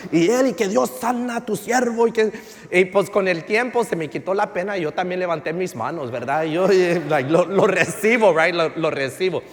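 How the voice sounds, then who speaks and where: A male pastor, telling a story in a relaxed sermon and slipping into English phrases. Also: high-pitched. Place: church sanctuary. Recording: reverberant church hall.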